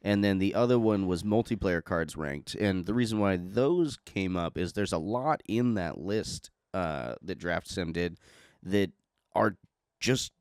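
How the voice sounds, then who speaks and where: A man's voice: sits low, lively intonation, unhurried, a little mellow, clean tone, no room sound, studio quality. A man co-hosting a casual podcast, with jokey, teasing asides. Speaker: podcast co-host.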